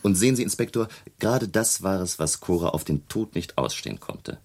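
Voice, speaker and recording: An indignant, evasive family friend in an old radio play, his voice very deep with a gravelly, husky edge. His pitch leaps and falls as he hammers home his points. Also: lively intonation, fairly quick, darkish tone. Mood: defensive, indignant. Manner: indignant, evasive, emphatic stresses. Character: defensive male friend reporting a missing woman. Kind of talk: 1970s radio drama acting.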